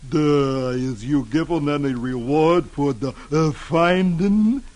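A man doing a dim, slow-talking cartoon bear. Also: on the high side, a little mellow. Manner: slow and halting, with dull fillers.

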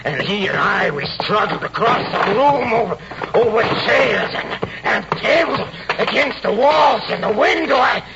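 An actor voices a haunted, desperate male stage magician recounting a terrifying ordeal in first person, haltingly and with repeated words, in an overwrought old-time radio drama style. His mid-range voice sounds natural, and his mood is frantic and horrified. The old radio recording is muffled and noisy.

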